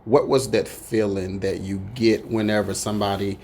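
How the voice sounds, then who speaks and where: A man hosting a radio interview, asking halting questions full of "uh"s. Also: on the low side, steady tone, darkish tone, a little hiss or hum. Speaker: radio host.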